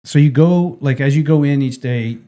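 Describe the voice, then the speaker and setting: Man, middle-aged, podcast co-host, casual chat, mellow tone, animated storytelling. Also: medium pitch, normal speed. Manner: animated storytelling, acts out quotes.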